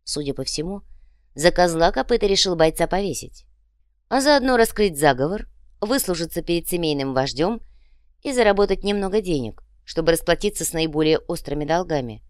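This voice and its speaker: Woman narrating an audiobook, low and lively. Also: brisk, no room sound, clean studio sound.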